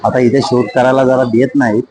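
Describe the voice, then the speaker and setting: A man's voice: mid-range voice, flat delivery, brisk, background noise. A man chatting casually to viewers as he vlogs from a busy airport terminal on his phone. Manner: chatty, addresses viewers as brothers and friends. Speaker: vlogger. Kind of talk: casual vlog to camera.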